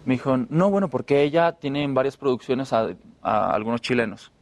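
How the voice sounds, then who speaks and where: A man with a Mexican accent, an actor chatting as a guest and telling stories in a loose, relaxed way with restarts. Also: mid-range voice, a little fast. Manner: relaxed storytelling, fillers and restarts. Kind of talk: casual interview chat.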